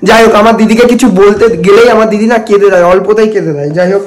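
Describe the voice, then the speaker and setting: Fast high-voiced young man vlogging a prank. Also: fairly even intonation, heavy background noise. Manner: pleading, repetitive, teasing. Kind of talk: prank vlog chatter to camera.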